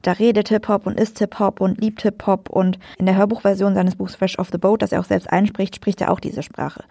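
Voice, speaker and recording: A woman's voice: mid-range voice, little pitch movement, a little fast, gravelly, mellow, no room sound. A woman from Cologne co-hosting a podcast, explaining things bluntly in casual talk. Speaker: podcast co-host.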